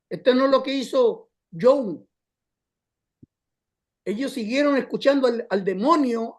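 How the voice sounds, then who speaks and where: A man preaching to his congregation in an impassioned, storytelling way. His voice sits notably high for a man, and he calls his listeners brothers as he builds his point. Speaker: pastor. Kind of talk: storytelling sermon.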